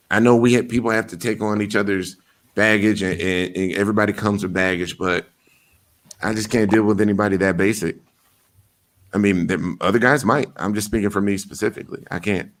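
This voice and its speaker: Deep-voiced man hosting a casual podcast. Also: steady tone, brisk. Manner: blunt, loose talk with frequent fillers and swearing. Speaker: podcast host.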